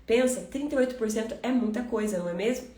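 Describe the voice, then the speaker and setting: A Brazilian woman coaching on communication, talking fast and directly to the listener as a friend. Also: on the high side, mellow, roomy sound, a little hiss or hum. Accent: Brazilian Portuguese. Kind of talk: motivational podcast talk.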